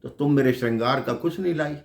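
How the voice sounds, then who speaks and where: A man's voice: medium pitch, quick pace, creaky, roomy sound, lightly acted. A man voicing a playful little girl, a divine child, who coaxes and teases, in a devotional story. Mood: teasing. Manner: teasing, coaxing.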